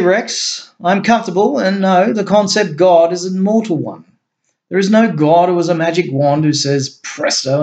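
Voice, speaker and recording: A man voicing a godlike alien envoy, relaxed yet serious and entirely sure of himself. He speaks with quiet authority, a little higher than the man's narrating voice, in a read-aloud story. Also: close to an everyday voice. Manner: relaxed but serious, certain.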